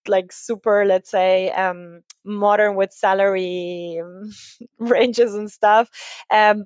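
A woman's voice: medium pitch, darkish tone, dry recording. Chatty woman, dry sound. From Ecuador. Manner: chatty, explains with many tag questions and fillers. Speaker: recruiting agency founder, podcast guest. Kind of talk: conversational podcast interview.

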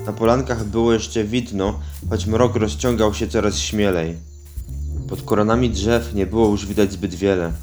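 A man narrating a scripted story in an even, measured reading. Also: on the low side. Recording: music underneath.

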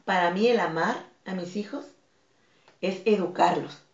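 Earnest Mexican woman, gravelly voice. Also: measured pace. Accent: Mexican Spanish. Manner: earnest, firm, lowers voice to act out calm replies. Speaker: guest, dance academy founder. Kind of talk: podcast interview. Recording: echoey, dull lo-fi room.

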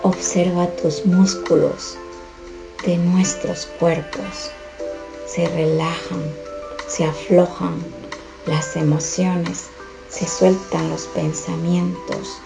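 A woman from Ecuador reads a guided relaxation in a soothing, instructive way. She speaks very slowly in a lowish, gravelly voice. Music plays clearly behind her. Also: flat delivery. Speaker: contributor reciting her own text. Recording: soft music playing behind.

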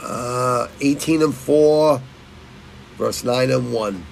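Speaking slowly in a creaky, mid-range voice, a middle-aged man from Massachusetts goes over his fight bets for his picks channel, rambling, swearing, and tripping on fighters' names. The audio is poor, with slight background noise.

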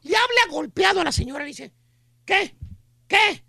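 A man with a Mexican accent hosting a comedy radio show, telling a story with lots of slang and dramatic pauses. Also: very high-pitched, sing-song, creaky, pushed and bright, no room sound, studio quality. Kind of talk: comic storytelling.

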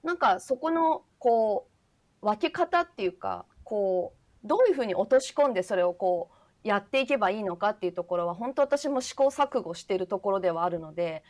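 A woman's voice: mid-range voice, expressive, brisk, a little mellow. A woman with a Hakata accent chatting casually on a livestream, laughing often and slipping into dialect.

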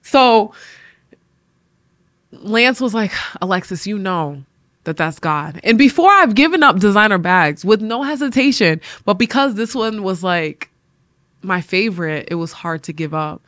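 Bright-voiced woman, animated storyteller. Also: mid-range voice, unhurried, no room sound, clean studio sound. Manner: animated, laughing, acts out quotes. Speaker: podcast host. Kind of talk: casual faith storytelling.

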